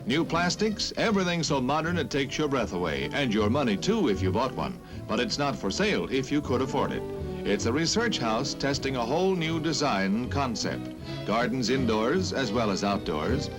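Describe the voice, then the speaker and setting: An American man narrating a 1950s newsreel in a dramatic, punchy announcer's delivery. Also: medium pitch. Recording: old newsreel soundtrack under loud music.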